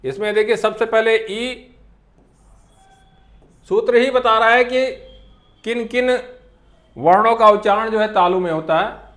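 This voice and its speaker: A man lectures in a fairly high voice. He speaks very slowly and deliberately, saying each sound on its own as a classroom teacher does. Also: a bit bright. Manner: slow and deliberate, spelling out sounds one by one.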